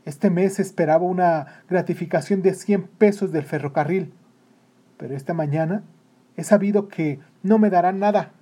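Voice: medium pitch, slow, few pauses, a little mellow, close to an everyday voice. A narrator voicing a weary working father who scolds his son in a raised, emphatic voice. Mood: reproachful.

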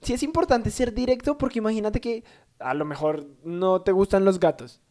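A woman's voice: mid-range voice, moderate pace, dark tone. A woman co-hosting a podcast, chatting casually and giving dating advice. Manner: chatty, laughs easily, gives advice. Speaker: podcast co-host. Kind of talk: casual chat.

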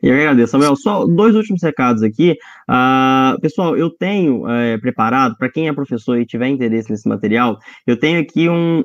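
A man speaking over a low-quality online video call, earnestly urging teachers to adapt. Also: no echo. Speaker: teacher giving a webinar talk. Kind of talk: earnest webinar advice to teachers. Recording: dull lo-fi dry video-call stream.

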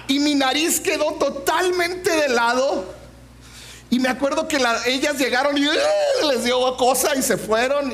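Man preacher, 40s, very high voice, humorous storyteller. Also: a bit bright. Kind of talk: sermon with personal story.

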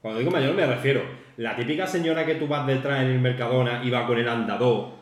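A man's voice: mid-range voice, fast. Joking man, echoey room. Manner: joking, animated storytelling with put-on quoted voices. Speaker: podcast co-host. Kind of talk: casual chat. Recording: roomy echo.

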